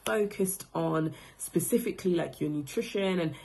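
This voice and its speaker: Woman, 30s, from Congo, heavy vocal fry, casual testimonial, reflective. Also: fairly low pitch, normal speed, dark tone. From Democratic Republic of Congo. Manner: reflective, loose phrasing with many fillers. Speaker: coaching client giving a testimonial.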